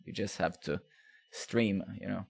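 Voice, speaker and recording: A man's voice: sits low, steady tone, a little slow, creaky. A man in his thirties from Serbia, chatting casually with viewers while live coding, rambling with fillers, swearing and asking "right?". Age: 30s.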